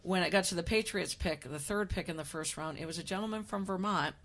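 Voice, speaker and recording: A woman's voice: on the low side, fast talker, a bit bright. A woman in her fifties hosting a casual sports talk show, telling stories in a rambling, chatty way with many restarts. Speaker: host.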